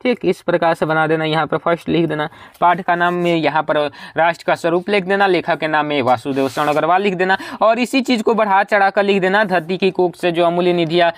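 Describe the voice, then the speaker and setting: High-voiced man teaching exam prep. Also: fairly even intonation, fairly bright tone. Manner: explains step by step, often asks ठीक है ना, slows down to read verses aloud.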